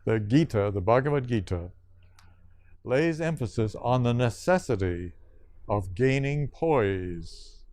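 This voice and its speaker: Older male yoga teacher giving a spiritual talk; slow, measured phrasing in short lists, crisp voice. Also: mid-range voice, lively intonation, a little mellow, dry recording, studio quality.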